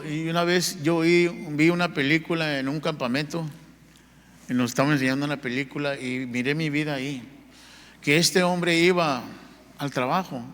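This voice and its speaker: A man's voice: a little high, a bit bright. A man preaching a sermon as pastor, telling his own testimony in an earnest, conversational way. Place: church sanctuary. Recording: long church hall reverb.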